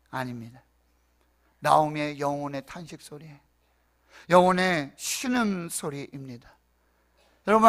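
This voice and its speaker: A male pastor preaching a sermon in a church, impassioned, swinging from quiet murmurs to loud declarations. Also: on the high side.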